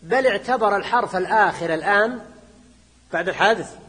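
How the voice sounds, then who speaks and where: A man teaching grammar as a sheikh, reading a text and then explaining it, repeating phrases and quizzing students with quick questions. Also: sits high, fairly bright tone. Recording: reverberant lecture hall.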